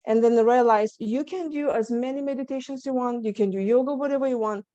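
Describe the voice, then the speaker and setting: Her voice a little high and warm, a Lithuanian woman with a Lithuanian accent talks at a quick pace as a guest in a candid interview about her life as a stress management coach. She comes across earnest, with many restarts and small laughs. The sound is lo-fi with no echo, captured through a video call microphone at her home setup.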